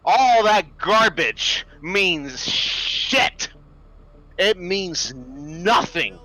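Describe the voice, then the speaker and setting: Ranting at his stream audience, a thirtysomething livestreamer preaches, swears and hammers his points home. He has a high-pitched, bright, forceful voice, expressive and full of drawn-out words, captured on a low-quality recording.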